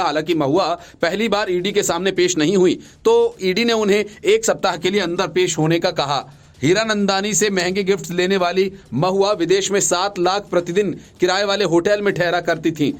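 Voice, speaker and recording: A man reading scripted news reports as a voice-over, in a brisk and emphatic bulletin style. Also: high voice. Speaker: news reader.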